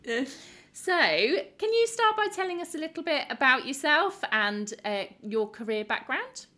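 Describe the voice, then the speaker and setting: A woman's voice: high-pitched, very animated, unhurried, bright, forceful tone. A woman hosting a podcast, giving a friendly welcome and introducing the guest. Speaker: podcast host. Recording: music playing behind.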